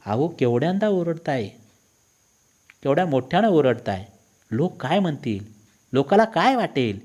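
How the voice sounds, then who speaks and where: A man's voice: a little high, sing-song, moderate pace, a little mellow, breathy edge, voice pushed up. A male teacher voicing an exasperated wife who nags her husband in a raised, reproachful tone. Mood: scolding. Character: exasperated scolding middle-aged wife.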